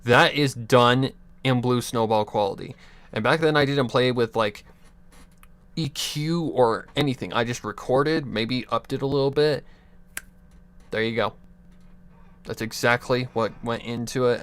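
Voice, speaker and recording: Speaking at a measured pace in a mid-range voice, this young streamer rambles through advice at his home computer desk. He restarts sentences, chuckles and swears offhandedly into his USB desk mic.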